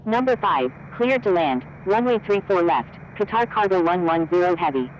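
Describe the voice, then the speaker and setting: A man's voice: sits high, expressive, moderate pace, a little hiss or hum. A man speaking as an airline pilot over a cockpit headset radio, reading back instructions in clipped aviation phraseology. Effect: pilot radio transmission from a cockpit headset. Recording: dull lo-fi radio transmission.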